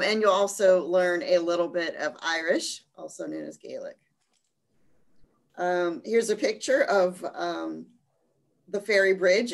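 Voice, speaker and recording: A woman walks listeners through a study trip slideshow, her voice sitting a touch low. She talks in a relaxed, chatty way, filling pauses with ums and little laughs. It sounds like a video call. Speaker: study abroad presenter. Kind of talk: virtual fair slideshow presentation.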